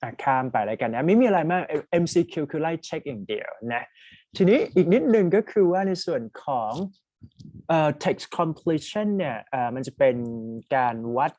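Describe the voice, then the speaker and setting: A man teaching an exam-prep class, reading English passages slowly and explaining them in quick Thai. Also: fairly high pitch, big pitch swings, a little mellow, dry recording. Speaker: IELTS teacher. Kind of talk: online class lesson.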